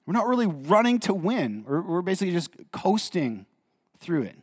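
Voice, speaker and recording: A man's voice: high-pitched, big pitch swings, normal speed, breathy edge. A man preaching a sermon as a pastor, earnest, often repeating words as he goes. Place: church hall. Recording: reverberant church hall.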